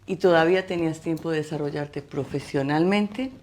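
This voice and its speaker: A middle-aged woman from Colombia, a guest artist telling her story in an interview, talking haltingly with many restarts and fillers. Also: deep voice, darkish tone, slight background noise. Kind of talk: interview conversation.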